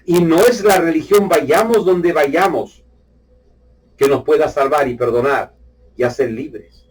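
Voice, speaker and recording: A husky man preaching a testimony sermon, his voice rising in fervent bursts and dropping to hushed tones. The mic sits some distance away, so he sounds a little removed. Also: mid-range voice. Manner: fervent, swinging between loud outbursts and hushed tones.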